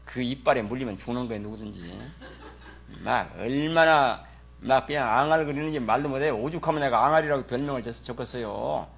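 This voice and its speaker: In church, a male pastor preaches a sermon full of stories, swinging lively between low muttering and loud scolding. His voice is gravelly and his pace fairly quick.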